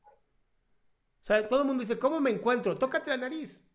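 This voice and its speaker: A woman's voice: high voice, normal speed. A woman giving heartfelt life advice in casual conversation, emphatic and playful, acting out little quotes.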